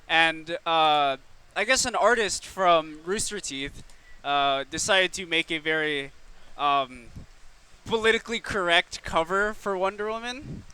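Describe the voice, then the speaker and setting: A man with a bright, smooth, somewhat high voice argues his points in casual podcast banter, excitable and opinionated. He is speaking into an old microphone at home. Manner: opinionated, excitable, says "right on" and "like" a lot. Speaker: podcast co-host. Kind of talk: casual comedy podcast chat. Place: home setup in Manila.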